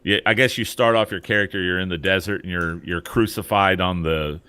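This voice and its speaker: A man's voice: low voice, fairly even intonation, brisk, sharp tone, clear, resonant tone, no echo. A man co-hosting a casual gaming podcast, talking in a loose, rambling way with casual swearing. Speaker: podcast co-host.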